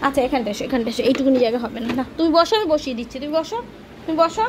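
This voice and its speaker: Woman, young, Kolkata Bengali accent, very high soothing voice, casual home vlog, noisy recording. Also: racing. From Kolkata, West Bengal, India. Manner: coaxing, soothing, repetitive talk to her baby. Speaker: vlogger and mother. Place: family home.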